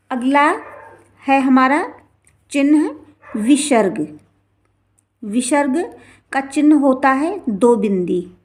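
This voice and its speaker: High voiced lady teacher going slow, repeats example words and stretches them out. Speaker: Sanskrit teacher. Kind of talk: classroom-style explanation.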